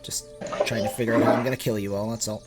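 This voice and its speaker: A man's voice: fairly low pitch, little pitch movement, fast talker, over loud music. A man running a tabletop game as game master, narrating in a loose, rambling way with lots of fillers.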